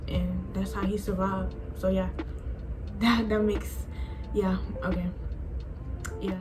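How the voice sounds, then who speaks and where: A woman's voice: medium pitch, little pitch movement, slow, over music, poor audio. An eighteen-year-old woman vlogging about herself in a rambling, chatty way, filling her talk with "like.". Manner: chatty, rambling, says "like" a lot. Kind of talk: casual talk to camera.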